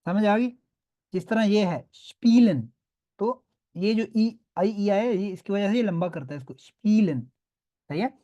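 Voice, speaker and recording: A man's voice: high voice, unhurried, dark tone, muffled recording. A man teaching a beginners' online class, patiently drilling sounds and often checking that students follow. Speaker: language teacher.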